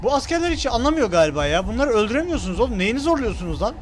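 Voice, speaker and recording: A man's voice: very high-pitched, big pitch swings, rapid-fire. A man streaming a video game, commenting casually, swearing and talking back to what happens on screen. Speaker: gameplay streamer. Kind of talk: casual let's-play commentary. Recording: loud game music behind the voice. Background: game music.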